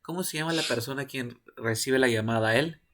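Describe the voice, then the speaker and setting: A man teaching an online English lesson to Spanish speakers, repeating phrases slowly and quizzing his students. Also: medium pitch, a bit bright, slight background noise.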